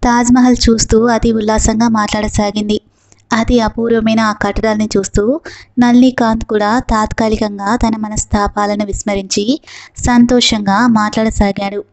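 Woman narrating a novel, flat and steady. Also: on the high side, moderate pace, vocal fry. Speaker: audiobook narrator.

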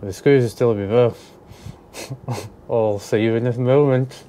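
A young electrician with a warm, mellow voice talks loosely into his camera while fitting things indoors. He rambles, cracks small jokes at his own expense, and keeps it casual, with a faint background hum in the room. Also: medium pitch, fairly even intonation, takes it slowly. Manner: chatty, self-mocking, rambling asides. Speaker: electrician vlogger. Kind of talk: casual commentary while working. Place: indoors at a house job. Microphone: handheld camera mic.

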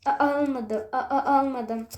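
A woman's voice: sits high, steady tone, normal speed, a little mellow, muffled recording, a little hiss or hum, close to an everyday voice. A woman voicing a timid husband doll who stutters, in a doll play. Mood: nervous. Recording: echoey room.

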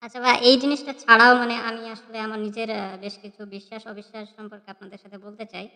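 A man's voice: high-pitched, fairly even intonation, quick pace, creaky, sharp tone. Man caller with a cathedral-echo voice disguiser. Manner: hesitant, many fillers and restarts. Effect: voice disguiser with heavy cathedral echo. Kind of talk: live call-in debate. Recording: cathedral echo, distant call audio.

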